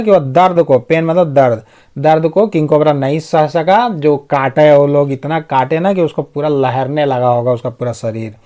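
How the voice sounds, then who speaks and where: High-voiced man teaching English in Hindi. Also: a little mellow. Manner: explains word by word, reads English lines slowly; repeats synonyms in lists, asks rhetorical questions. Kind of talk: Hindi-medium English lesson.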